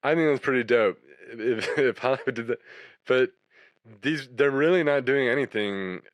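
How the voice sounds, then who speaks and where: A man giving a rambling political monologue, halting with many fillers and restarts and scoffing little laughs. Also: mid-range voice, no room sound. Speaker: political commentator.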